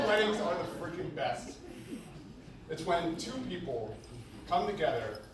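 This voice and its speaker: A young man giving a humorous best man speech, joking and pausing between short phrases. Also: on the high side. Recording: echoey venue, distant mic, noisy background.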